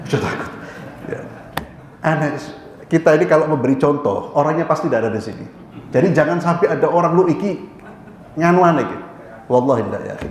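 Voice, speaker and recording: A man's voice: fairly high pitch, quick pace, a little hiss or hum. A man preaching a mosque sermon, asking and answering his own questions and addressing his listeners as "Pak". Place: mosque hall. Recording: echoey mosque hall with long reverb.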